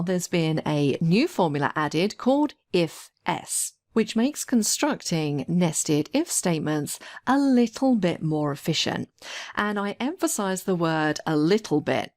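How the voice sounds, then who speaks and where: A woman narrates a screen-recorded tutorial as a software trainer, explaining things step by step. Her pitch sits on the lower side, and her intonation is animated.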